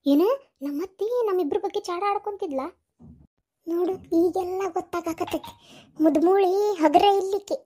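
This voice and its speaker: Woman doing very high gossipy village woman. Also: mellow. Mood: scolding. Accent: North Karnataka. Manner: fast, scolding, gossipy. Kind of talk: cartoon voice acting.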